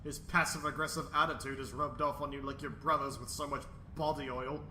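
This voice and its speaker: A man's voice: medium pitch, fairly even intonation, brisk, pushed and bright, slight background noise. Man playing a pompous winged demon sorcerer. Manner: grandiloquent, archaic, pompous. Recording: echoey with music behind.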